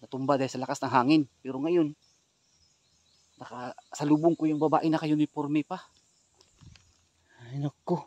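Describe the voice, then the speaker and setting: A man's voice: on the high side, steady tone, normal speed, pauses often, a little mellow, no echo. A man filming a ghost-hunting vlog in a forest outdoors, speaking straight to his viewers in a suspenseful, wary way. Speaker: ghost hunter vlogger.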